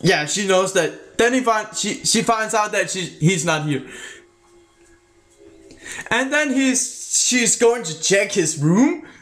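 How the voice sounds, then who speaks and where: High, slow-talking male reviewer; casual, halting, self-correcting delivery with a half-American, half-British sound. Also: expressive, a bit bright. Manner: halting, restarts sentences often. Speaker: video reviewer. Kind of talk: casual spoken video review.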